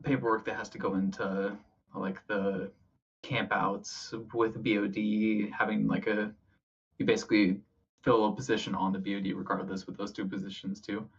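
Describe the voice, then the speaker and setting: A man's voice: on the low side, flat delivery, normal speed, creaky, husky, far from the mic, dull audio. A man chatting casually as an interview guest, informal and rambling, often feeling his way through a thought. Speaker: interview guest, hobby club officer.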